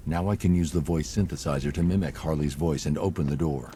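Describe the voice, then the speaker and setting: A man playing a brooding masked vigilante hero in a video game, speaking in a terse, grim, deliberate way. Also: a bass voice, dark tone, a little hiss or hum. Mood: grim, controlled.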